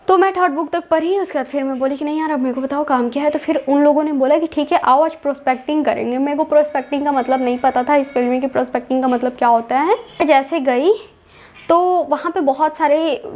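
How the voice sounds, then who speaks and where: A woman's voice: sits high, a little mellow. A young woman vlogger telling her own story in a casual, chatty way, dropping in English words and repeating herself.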